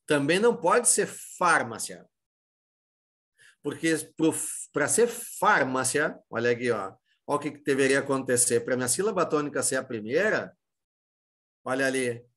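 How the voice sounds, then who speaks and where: A man with a Brazilian Portuguese accent teaching an exam-prep Spanish lesson, who asks and answers his own questions in an informal, halting way. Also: medium pitch, sing-song, a bit bright. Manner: many fillers and restarts, informal.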